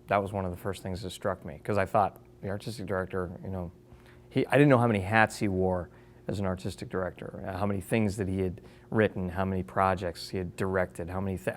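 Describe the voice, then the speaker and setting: A man in an interview, speaking haltingly and searching for his words. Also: sits low. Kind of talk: documentary interview.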